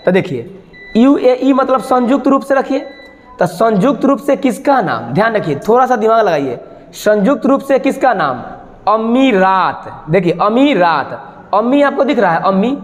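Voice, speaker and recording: Playful high-voiced man teaching with mnemonics. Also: long reverb tail. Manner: playful, sings snatches of songs and acts out little sketches; repeats key words slowly for memorising. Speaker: coaching teacher. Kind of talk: exam-prep lesson with mnemonics.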